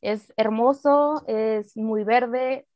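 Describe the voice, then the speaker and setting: A woman with a northern Mexican accent talks as a podcast guest, recounting things in a relaxed way with frequent fillers. Her voice sits a bit high, and the mic sounds dry and slightly dull. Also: extremely slow, no room sound. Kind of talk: casual conversational interview.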